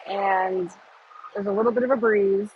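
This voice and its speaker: A woman's voice: mid-range voice, fairly even intonation, normal speed. A woman hosts a casual livestream on foot, talking to her viewers in a chatty, folksy way. The sound is dull and lo-fi, recorded outdoors at a construction site, with plainly audible work noise around her voice. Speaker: livestream host. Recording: dull lo-fi mic, loud construction and wind noise. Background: construction site noise, vehicles, wind.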